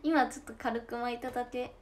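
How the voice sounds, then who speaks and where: A young woman with a high, bright-pitched voice and a Tosa dialect accent chats casually on a livestream. She giggles often and lets her phrase endings trail off softly. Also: steady tone. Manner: chatty and giggly, drawn-out soft endings. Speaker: idol livestream host. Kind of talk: casual livestream chat reading comments.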